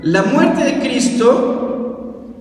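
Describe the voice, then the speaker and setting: A man's voice: very high voice, expressive, very slow, darkish tone. A man preaching a sermon to a congregation, exhorting his listeners and often asking them to agree. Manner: exhorting, addresses listeners as brother, frequent tag questions. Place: church hall. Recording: echoey hall, distant mic, faint noise.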